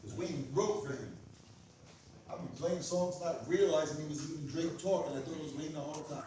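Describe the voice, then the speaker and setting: A man from Queens with a Queens New York accent, delivering an animated, profane comedic rant in punchy, repeated phrases and rhetorical questions. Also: fairly high pitch, fairly quick, slight background noise. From Queens, New York, USA. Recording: very echoey room, distant mic.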